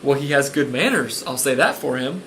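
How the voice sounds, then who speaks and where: A man's voice: mid-range voice, expressive, moderate pace, a bit bright, a little hiss or hum. A man voicing a stern, fierce housekeeper. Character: brisk fierce older housekeeper woman.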